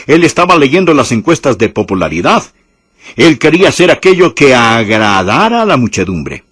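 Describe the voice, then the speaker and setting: A male pastor preaching with a slightly husky, breathy voice that swings widely in pitch, rising high on rhetorical questions. He sits a bit high for a man and sounds close and dry, like a studio voice-over with no room around it. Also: a bit bright, no echo. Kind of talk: sermon.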